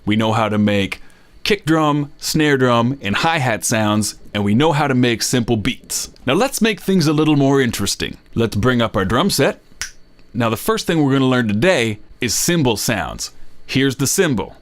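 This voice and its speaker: A man at an ordinary middle pitch teaches beatboxing to kids in a playful instructional video. His voice swings widely up and down as he jokes and explains. He breaks into vocal drum sounds between explanations. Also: big pitch swings, normal speed.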